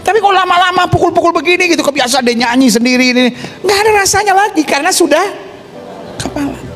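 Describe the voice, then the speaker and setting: Pendeta pria, khotbah penuh gaya, suara tinggi dan naik-turun, musik samar di latar. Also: male voice, extremely high pitch, fast talker, faint music behind. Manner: animated, acts out scenes with put-on voices, asks the congregation questions. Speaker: pastor. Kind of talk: lively sermon.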